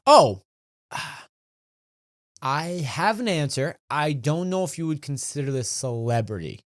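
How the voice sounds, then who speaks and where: A man's voice: a little high, sing-song, slow, dry recording, clean studio sound. A young man in his twenties, a podcast co-host telling a rambling, profane story in casual chat.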